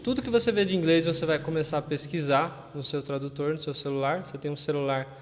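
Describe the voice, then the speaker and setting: A man's voice: a little high, fast talker, long reverb tail. A Brazilian man teaching English in a casual video lesson, chatty and often checking that viewers follow. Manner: chatty, keeps checking in with listeners.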